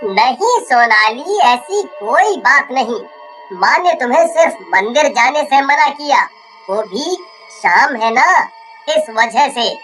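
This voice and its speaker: A woman's voice: sits high, expressive, slow, a bit bright, faint music behind, exaggerated voice. Woman voicing an earnest young husband. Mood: puzzled. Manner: earnest, warning, insistent.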